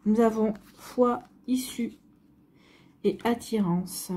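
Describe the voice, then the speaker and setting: A woman tarot card reader gives a spontaneous reading, speaking straight to the camera for her viewers. Her mellow, dark voice has a husky edge and medium pitch, and she talks at a moderate pace, hesitantly, with many fillers and restarts.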